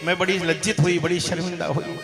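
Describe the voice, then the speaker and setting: A man's voice: high voice, flat delivery, a little fast. A male preacher, telling a devotional story in an emotive, melodic style full of exclamations. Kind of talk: devotional katha sermon. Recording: echoey hall with music.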